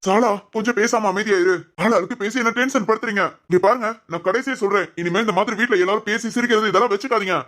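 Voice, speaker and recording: Bossy angry dad in a family cartoon, voiced by a woman, fast scolding talk. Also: medium pitch, a bit bright, lightly acted. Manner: scolding, domineering. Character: stern angry father, head of the family. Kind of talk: animated family drama voice acting.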